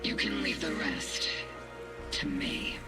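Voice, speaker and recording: A man playing a brooding, vengeful warrior in a video game, with a breathy, dramatic delivery. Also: takes it slowly, natural voice. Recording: game audio under loud music.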